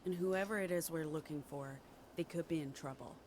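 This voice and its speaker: A woman's voice: low-pitched, fairly quick, darkish tone, close to an everyday voice. A determined young woman giving orders to her group, as an actress voices her in a video game. She sounds decisive and commanding. Faint noise sits beneath.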